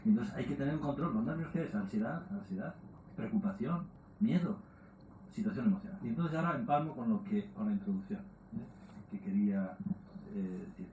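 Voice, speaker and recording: A man's voice: on the low side, expressive, a little fast, mellow, roomy sound, a little hiss or hum, low-quality recording. A man giving a lecture, tossing in rhetorical questions and tag words as he explains. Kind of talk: public lecture.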